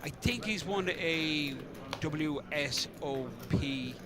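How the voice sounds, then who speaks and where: An Irish man leads live poker commentary in a fairly high male voice. He is chatty and colloquial, with hesitant asides, and a loud crowd is heard behind him. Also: takes it slowly. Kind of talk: casual unscripted live commentary.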